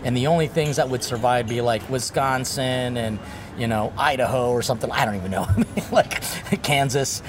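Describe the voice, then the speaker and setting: An American priest hosts a casual food and travel interview at an outdoor restaurant, keeping things lively and jokey. His voice sits at medium pitch and moves at a moderate pace, with noise in the background.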